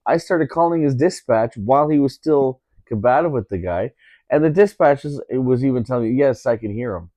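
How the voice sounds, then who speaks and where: A man's voice: medium pitch, lively intonation, a little fast, dark tone, no echo. A man telling a story in a casual podcast chat, indignant, repeating himself with lots of fillers.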